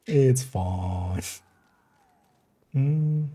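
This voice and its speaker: Rambling man with a mellow voice. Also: mid-range voice, animated, very slow. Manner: rambling, giggly, restarts sentences often. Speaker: game streamer. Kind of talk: casual gameplay commentary.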